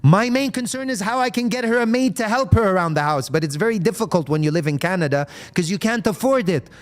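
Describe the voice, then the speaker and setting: A man's voice: sits high, animated, fast talker. A man giving an impassioned live-stream talk on faith, answering viewers' comments and mixing English with Arabic phrases and rhetorical questions. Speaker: Islamic speaker.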